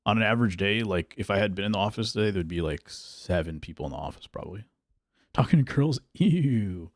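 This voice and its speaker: A man's voice: lowish voice, animated, a little fast, dry recording, studio quality. A male streamer chatting casually while he plays, thinking aloud about his picks and answering his chat. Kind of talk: casual gameplay livestream chat.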